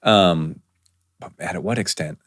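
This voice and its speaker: A man's voice: deep voice, unhurried, fairly bright tone, no room sound, clean studio sound. A man hosting a podcast in casual conversation, chatty and rambling with lots of fillers and restarts. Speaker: podcast host.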